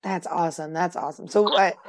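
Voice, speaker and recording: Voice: medium pitch, fairly even intonation, a little fast, no echo. A podcast host asking friendly, rambling questions in a casual interview.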